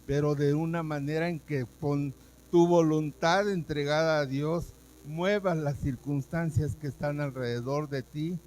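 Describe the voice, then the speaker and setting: A man's voice: on the high side, steady tone, a little slow, darkish tone, low-quality recording. A man, a pastor giving a sermon at a church service, telling his own testimony with feeling and acting out what he once said. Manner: emotional storytelling, acting out his own past words.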